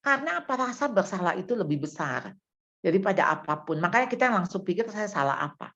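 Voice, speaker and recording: A woman's voice: medium pitch, animated, quick pace, a bit bright. A woman giving a parenting seminar talk, speaking animatedly and addressing the audience directly with frequent tag questions. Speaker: parenting educator. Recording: dull lo-fi recording.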